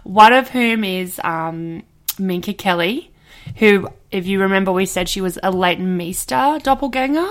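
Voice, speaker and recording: A young adult woman co-hosting a podcast in casual chat, gushing about what she loves and quick to laugh. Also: mid-range voice. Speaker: podcast co-host.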